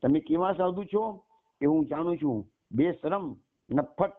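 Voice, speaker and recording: A man doing a shrill furious lady of the house. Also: expressive, a little slow. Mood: scornful. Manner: shrill scolding, hurls insults. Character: furious haughty mistress of a house, woman. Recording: tinny phone-like line.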